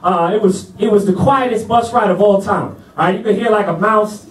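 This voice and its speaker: High-voiced man telling a stand-up story. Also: fairly quick, echoey room, far from the mic, rough recording. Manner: laid-back, chatty, asks the crowd "you know what I'm saying". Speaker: stand-up comedian. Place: comedy club stage.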